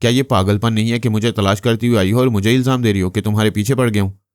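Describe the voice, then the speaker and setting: A cool young engineer who needles and mocks without hurry in an audiobook story, voiced by the narrator himself. The voice sits low and deep. It is recorded dry, with no echo. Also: male voice, fairly even intonation, close to an everyday voice. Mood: mocking. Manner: mocking, unhurried.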